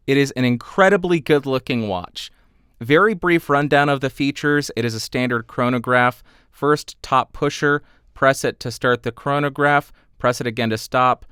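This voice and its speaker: A man's voice: mid-range voice, a bit bright, smooth, no room sound. A man hosting his own channel, giving a scripted watch review in an earnest way with dry little jokes, recorded on a studio microphone. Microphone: studio condenser mic.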